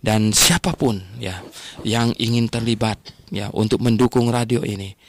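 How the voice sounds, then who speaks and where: A man preaching a radio sermon, telling stories with lively emphasis and frequent tag words. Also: on the low side, measured pace. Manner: animated storytelling, frequent "ya" tags.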